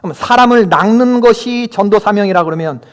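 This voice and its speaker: A man's voice: high voice, brisk. Man, pastor, Sunday sermon, emphatic, questions the congregation, long church reverb. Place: church sanctuary.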